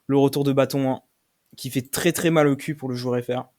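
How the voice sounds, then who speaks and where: A young man commentating his own game play, swearing often and shouting when he loses. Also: medium pitch, fairly even intonation, fairly quick. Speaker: gaming streamer.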